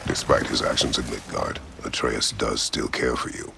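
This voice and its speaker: A man playing a stern, terse warrior god who speaks in deep, gravelly, clipped orders. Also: normal speed, noisy background, full character voice. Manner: clipped, commanding short orders. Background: game music.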